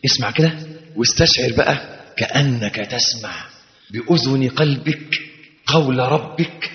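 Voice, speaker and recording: A man's voice: medium pitch, unhurried. A man preaching a sermon with an Egyptian accent, impassioned and chanting verses. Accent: Egyptian Arabic. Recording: echoey hall, dull lo-fi sound.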